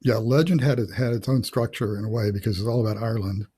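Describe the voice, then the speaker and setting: A man's voice: fairly low pitch, steady tone, fast, dark tone, slightly rough. A middle-aged man, an author hosting a casual interview over a video call, thinking aloud with many fillers. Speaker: author and host.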